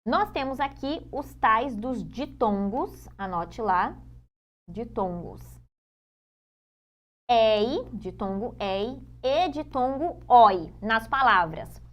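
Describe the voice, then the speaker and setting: A Brazilian woman teaching a Portuguese grammar lesson for exam prep, explaining patiently, repeating key points and drawing out example words slowly. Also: on the high side, animated, a bit bright. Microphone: phone.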